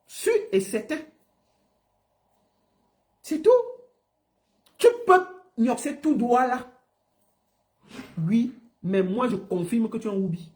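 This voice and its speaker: A woman's voice: on the high side, expressive, slow, long pauses. A woman ranting on a livestream, mocking and scolding someone with lots of repetition. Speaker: online personality. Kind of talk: livestream rant.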